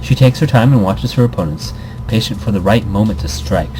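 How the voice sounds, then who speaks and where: A let's player with a low-leaning, expressive voice moves fairly quickly through a visual novel, reading its text aloud. He offers casual commentary, rambles, interrupts himself, and makes playful asides, and background noise can be heard behind him.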